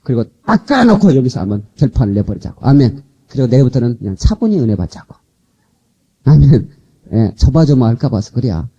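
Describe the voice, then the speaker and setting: Korean pastor preaching a revival, dark warm voice, lively swings, muffled old cassette tape sound. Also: male voice, medium pitch, brisk, breathy edge. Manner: animated, scolding and coaxing the congregation. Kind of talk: revival sermon. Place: church sanctuary.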